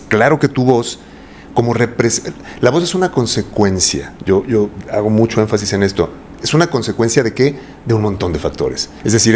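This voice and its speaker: A reflective man with a Mexican accent and a fairly low voice, talking things through in a relaxed interview. A faint hiss sits behind him, and he often pauses to ask his listener rhetorical questions. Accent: Mexican Spanish. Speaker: voice coach guest. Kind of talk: casual podcast interview.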